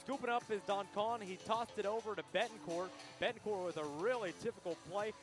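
A man's voice: sits high, fairly quick, over music. A man doing live baseball play-by-play commentary for a radio broadcast. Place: ballpark broadcast booth.

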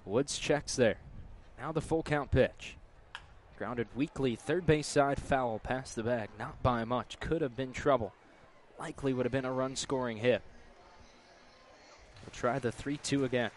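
A man's voice: mid-range voice, unhurried. A man calling baseball play-by-play live, in clipped, terse phrases. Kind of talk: live play-by-play sports commentary. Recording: clear outdoor ambient noise. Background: outdoor ballpark ambience.

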